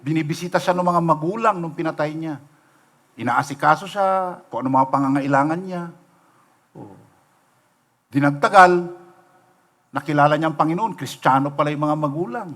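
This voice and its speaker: Filipino man, middle-aged pastor, sermon, slightly high voice, storytelling with rhetorical questions. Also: fairly bright tone. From Philippines. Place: church sanctuary, livestream.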